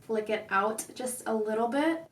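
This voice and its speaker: High-voiced woman tutorial host in echoey room. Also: a little slow. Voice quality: slightly odd, constrained articulation. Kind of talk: casual tutorial talk. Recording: echoey room, distant mic.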